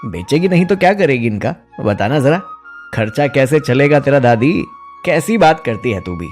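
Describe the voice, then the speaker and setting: A man's voice: medium pitch, big pitch swings, moderate pace, darkish tone, soft background music, close to an everyday voice. A man voicing a greedy, scheming young man who coaxes and schemes in a cartoon story. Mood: coaxing. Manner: coaxing, sly.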